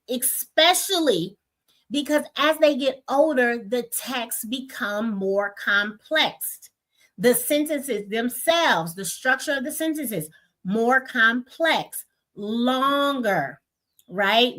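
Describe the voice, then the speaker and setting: Woman, host of a parent webcast, brightly pitched and emphatic, keeps checking in with her listeners. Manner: lively, emphatic, checks in with "right?" and "y'all". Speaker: literacy educator hosting a weekly parent webcast. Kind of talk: casual teaching broadcast.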